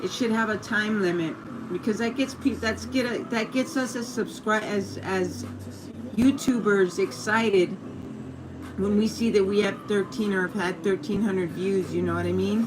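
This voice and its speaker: Speaking at normal speed in a medium, fairly even voice, a Mexican American woman rambles through a laid-back YouTube livestream. She greets viewers and often restarts or fills pauses, and the stream audio is noisy.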